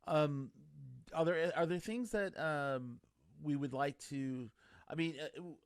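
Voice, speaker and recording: Halting male interviewer. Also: on the high side, clean tone, no echo, clean studio sound. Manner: halting, loose, stacks restarts in questions. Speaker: interviewer host. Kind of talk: casual interview.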